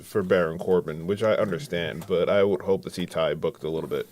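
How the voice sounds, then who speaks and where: A man's voice: low voice, fairly quick, darkish tone, a little hiss or hum. A young man co-hosting a podcast, giving his opinions and calling the moves in order, with lots of ums and yeahs. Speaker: podcast co-host. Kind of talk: casual chat.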